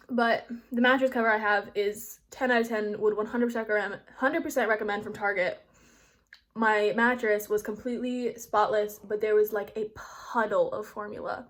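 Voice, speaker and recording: A young woman chatting casually to camera in an upbeat way, filling her talk with "like" and "um". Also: mid-range voice. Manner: chatty, upbeat, many "like" and "um" fillers. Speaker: vlogger. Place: at home and later outdoors and in a car.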